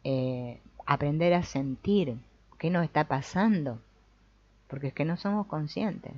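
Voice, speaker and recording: In a low voice and at a measured pace, a woman reads from a book to her family constellations group and comments on it thoughtfully. She frequently checks in with them using a questioning "no?" or "mm?". The sound is dry, dull, and lo-fi.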